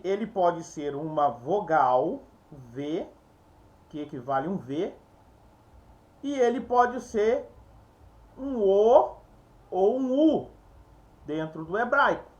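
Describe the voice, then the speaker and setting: Slow, lively man teaching. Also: high voice. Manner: explains step by step, repeats words, often calls to viewers. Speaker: Bible teacher. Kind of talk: informal video lesson.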